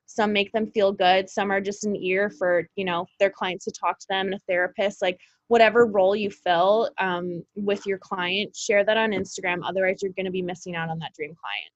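A woman's voice: mid-range voice, fairly even intonation, normal speed, few pauses, no room sound, lo-fi sound. A woman guest on a podcast in casual chat, upbeat and friendly, giving tips in long run-on sentences. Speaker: podcast guest, social media coach.

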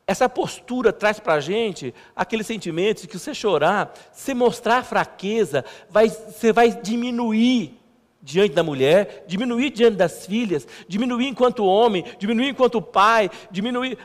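A male pastor preaching a sermon in a halting, conversational way, repeating words and poking fun at himself. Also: high-pitched, lively intonation. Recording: long church hall reverb.

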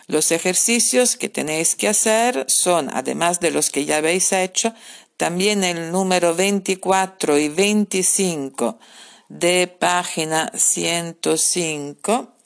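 A woman's voice: lowish voice, slow pace, gravelly. A woman teaching grammar in a recorded podcast lesson, patiently repeating her points and spelling out examples. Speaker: language teacher.

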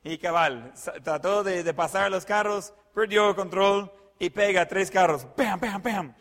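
A man telling a personal anecdote in a lively way, adding sound effects and fillers. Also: high voice, measured pace. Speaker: storyteller. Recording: long hall reverb.

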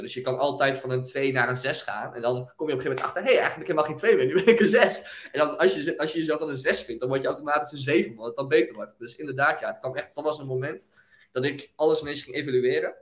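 A young man, a business owner and guest, telling his story in a casual interview with animated energy and frequent laughs. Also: fairly high pitch, reverberant. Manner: animated storytelling, laughs often, fillers like "weet je wel".

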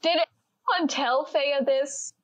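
High-pitched woman chatting casually. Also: takes it slowly. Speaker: tabletop game player. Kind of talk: casual chat.

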